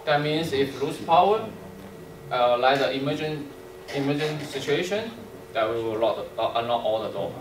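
A young trainer who isn't a native English speaker explains technical steps in a workshop, his phrasing halting and fragmented, his medium-pitched voice expressive. He's in an indoor room with a small audience, and a distant camera mic gives a roomy, noisy, far-off recording.

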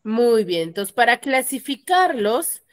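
A woman teacher speaks over a video call in a fairly high voice that swoops up and down with animated intonation. She explains patiently, one point at a time, and keeps asking her class whether they follow. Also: unhurried. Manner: explains step by step with frequent checking questions; asks students to mute their mics. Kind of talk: online class lecture. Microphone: computer microphone on a video call.

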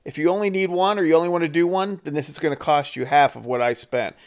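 A man's voice: fairly high pitch, fast. A man hosting his carving channel, talking through a do-it-yourself build step by step in a casual, folksy voice-over. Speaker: chainsaw carver, channel host. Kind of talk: how-to voice-over.

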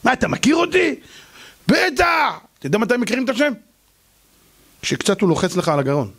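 A man, a rabbi, giving a lively Torah lecture, telling stories and acting out their characters. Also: very high voice, breathy edge. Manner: animated storytelling, acting out characters.

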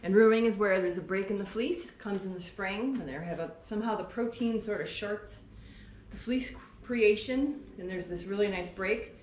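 Her voice is mid-range, a little mellow, at a normal speed, with slight hiss or hum. The middle-aged woman, a sheep farmer and fleece seller, gives a casual, enthusiastic demonstration at a skirting table in an echoey barn, recorded by a camera on a tripod a few feet off.

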